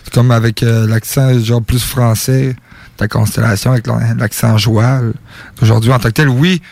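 A man's voice: medium pitch, steady tone, moderate pace, vocal fry, a little mellow, no room sound. A young man with a Quebec French accent in a casual chat, hesitant and skeptical, with many fillers.

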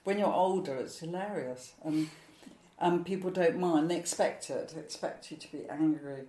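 Talking at a moderate pace, a sixty-something woman comic gives rambling, self-deprecating interview answers full of laughter. Her deep voice has a warm tone and rings with reverb.

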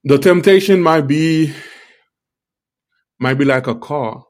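A man's voice: a little high, darkish tone. Man preaching informally through a toothache. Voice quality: speech slightly altered by tongue-led articulation. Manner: repeats phrases for emphasis, halting. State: toothache, talking around a sore tooth and gum. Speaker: live-stream preacher. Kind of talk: informal devotional talk.

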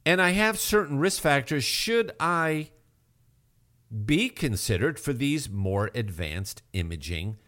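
A man's voice: mid-range voice, lively intonation, slow pace, a bit bright. A male health show host explaining heart tests in an emphatic manner, asking rhetorical questions. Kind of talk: radio health talk.

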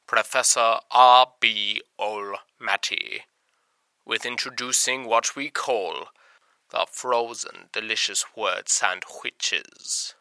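A man's voice: on the low side, takes it slowly, pushed and bright, clean tone, dry recording, full character voice, poor audio. A man voicing a pompous, fussy male professor character who talks in grand, archaic phrases. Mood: grandiose. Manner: pompous, theatrical, archaic words. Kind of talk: comedic podcast intro in character.

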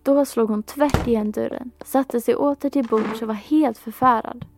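A woman reading a classic fairy tale aloud in a calm, measured storytelling manner. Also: on the high side, music in the background.

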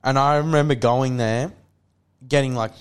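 A young man with a clean, smooth voice. He tells stories casually, in a laddish way full of slang and swearing. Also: mid-range voice, steady tone, moderate pace. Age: young adult. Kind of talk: casual chat, storytelling.

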